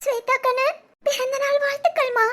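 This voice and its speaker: A woman voicing a remorseful middle-aged mother in a cartoon, speaking softly and apologetically. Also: very high-pitched, flat delivery, normal speed. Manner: soft, apologetic.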